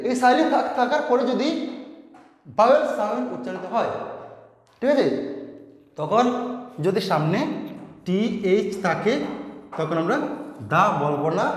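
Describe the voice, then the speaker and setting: Teacher explaining a grammar rule, keeps repeating it with lots of fillers, super echoey hall sound. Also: medium pitch. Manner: repetitive, often restating rules with many fillers. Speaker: English teacher. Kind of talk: explaining a grammar lesson to students. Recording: very echoey room with long reverb.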